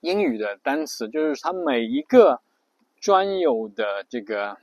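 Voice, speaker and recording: Man, show host, casual explainer, slightly high voice, many fillers, dry close sound. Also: huge pitch swings, unhurried, creaky, darkish tone, dry recording, rough recording. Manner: chatty, thinking aloud with many fillers. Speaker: podcast host.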